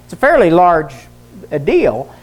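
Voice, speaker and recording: A man's voice: on the high side, big pitch swings, a little slow. A middle-aged man preaches at a church service, his delivery earnest and built on stories. He drives his points home by repeating short phrases, like a teacher who has told these stories before. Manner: earnest storytelling with emphatic repetition. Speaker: pastor and teacher, former physician. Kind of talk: sermon.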